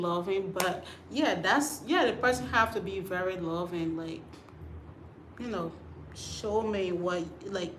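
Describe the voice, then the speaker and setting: Hosting a casual livestream chat, a Liberian woman from West Africa answers comments from viewers while a storm and rain go on outside. Her voice is fairly low, and the recording has an echoey room and background noise.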